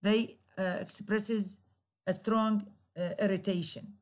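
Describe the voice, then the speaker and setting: Slow, repetitive woman lecturing on grammar. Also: mid-range voice, fairly even intonation, a little mellow. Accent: Iraqi Arabic. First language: Arabic. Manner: slow, repeats key phrases and example sentences. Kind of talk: recorded university lecture.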